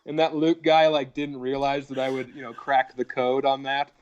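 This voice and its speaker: On a muffled recording with a bit of hiss or hum, a Colorado man in his thirties speaks at normal speed in a mid-range, completely flat voice. As a guest comedian on a video call for a casual podcast chat, he rambles, swears, and leans on "like" and "dude."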